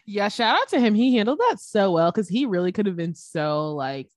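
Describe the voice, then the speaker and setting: A woman's voice: mid-range voice, sing-song, normal speed, a little mellow, no echo, studio quality. A woman co-hosting a podcast in casual chat, laughing often and acting out quoted lines. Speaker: podcast co-host.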